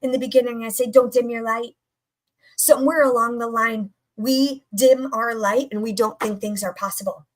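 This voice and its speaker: Upbeat woman coach, slightly high voice. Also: steady tone, normal speed. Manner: emphatic, repeats phrases for effect; enthusiastic, upbeat. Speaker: health and mindset coach. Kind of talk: motivational live talk.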